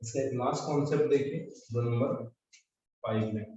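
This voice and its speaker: With a dark, mid-range voice and a moderate pace, a man teaches a maths class, repeating key terms and regularly checking that the students follow. The recording sounds muffled, echoey and distant, as if captured from across the classroom.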